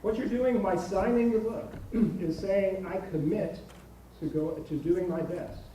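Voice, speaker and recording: A man hosting a ceremony in a large auditorium, speaking informally and haltingly and repeating words. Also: high-pitched, mellow. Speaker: ceremony host. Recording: very echoey hall, distant, faint noise.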